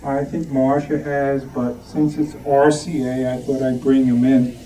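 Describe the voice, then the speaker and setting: A distant, muffled room mic catches a man, with background noise, presenting his collection at an informal show-and-tell before an audience in a club meeting room. He speaks in a mellow mid-range voice, level and measured, but hesitates and often hunts for words.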